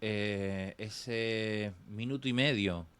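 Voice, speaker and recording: A man interviewing a guest, speaking gently with short, supportive remarks. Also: lowish voice, extremely slow, clean tone. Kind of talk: casual interview conversation.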